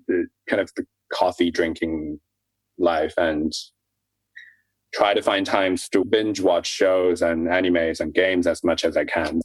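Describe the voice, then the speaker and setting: A man's voice: low-pitched, no echo, rough recording. A man in his thirties from China, a podcast guest speaking candidly and laughing between thoughts. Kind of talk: casual interview talk.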